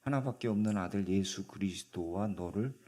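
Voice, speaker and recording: Conversational male pastor, dark mellow voice. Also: low-pitched, moderate pace. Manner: conversational, asks the congregation questions. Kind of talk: sermon. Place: church.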